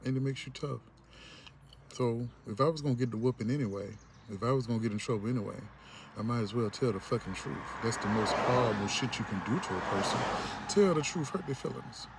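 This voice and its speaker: A man talking straight to his audience in a blunt, profane rant. He keeps slipping into quick impressions of the people he complains about. His voice sits at an ordinary middle pitch, with a steady vehicle hum running under it. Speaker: vlogger. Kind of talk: ranting monologue. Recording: vehicle noise in background.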